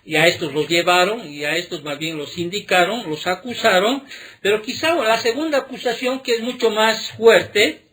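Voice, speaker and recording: A male pastor preaching a sermon, throwing rhetorical questions at the congregation and checking in with "¿sí?", stressing key words slowly. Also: high-pitched, fairly bright tone. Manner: emphatic, drawn-out key words.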